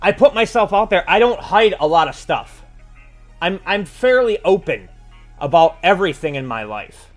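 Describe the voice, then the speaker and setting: A man's voice: sits high, big pitch swings, normal speed, faint music behind. A man in his forties delivering an impassioned monologue as a livestream host, blunt and sweary, leaning hard on key words. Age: 40s. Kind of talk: impassioned monologue to an online audience.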